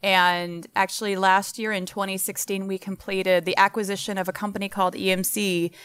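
A woman with a smooth, resonant voice of middle pitch answers interview questions. She talks eagerly and at length, stringing thoughts together with little fillers and restarts. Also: flat delivery, fairly quick, a bit bright. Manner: enthusiastic, talks in run-on explanations with fillers. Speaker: guest.

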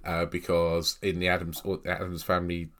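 This film-podcast co-host, a man in his thirties, has a cold and sounds snuffly, though he remains chatty, rambling, and quick to laugh. His low-pitched, somewhat bright voice is delivered completely flat and a little fast.

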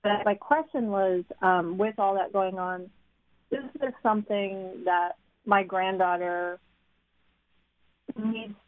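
Heard over a thin, phone-like line with no room sound at all, an older woman calls in to a talk show. She speaks at an ordinary pitch and keeps pausing as she looks for the right words. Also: no echo. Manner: hesitant, searching for words. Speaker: caller. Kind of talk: call-in radio chat. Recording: tinny phone line, dry.

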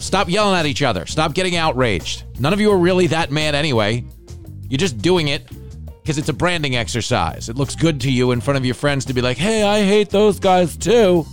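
A man's voice: fairly high pitch, a bit bright. Ranting, sardonic male podcast host. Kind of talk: casual comedic monologue.

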